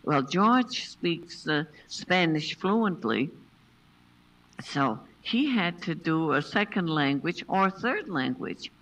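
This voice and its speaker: An older woman whose first language was Passamaquoddy, a traditional basket maker invited to a seminar, tells stories while seated at a panel table in a lecture room. Her voice is lowish, sing-song and a bit bright; she takes her time, pauses to find English words and laughs often. A far room camera picks her up, so she sounds distant.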